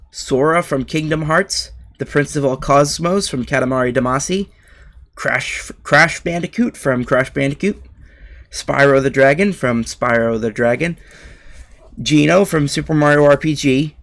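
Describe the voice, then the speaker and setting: A young man streaming a live reaction from his bedroom, excited and rambling with lots of fillers. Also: fairly high pitch.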